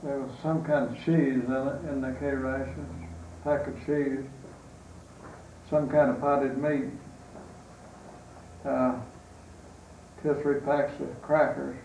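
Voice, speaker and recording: An elderly American man with a Southern accent, a war veteran remembering in an interview, halting with long pauses. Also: mid-range voice, flat delivery, vocal fry, a little mellow. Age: 80s or older. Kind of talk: unscripted reminiscence in an interview. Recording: roomy, distant mic, faint noise.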